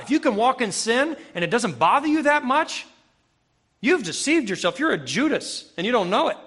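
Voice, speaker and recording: A man's voice: high voice, bright, forceful tone. A man preaching a conversational sermon to a room of listeners, reading scripture and breaking into emphatic, raised outbursts. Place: room with a live audience.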